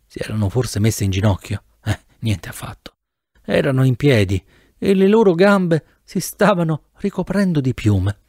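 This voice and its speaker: A man reading a novel aloud in the first person with an animated, theatrical delivery, close to the mic. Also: medium pitch, normal speed, no echo. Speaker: audiobook narrator. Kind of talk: expressive audiobook narration.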